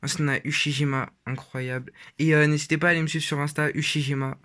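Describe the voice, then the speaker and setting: A man's voice: fairly high pitch, flat delivery, quick pace, a bit bright. A teenage boy giving a rambling, casual tour of his shelf, with frequent fillers and restarts. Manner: rambling, hesitant with many fillers. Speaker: vlogger.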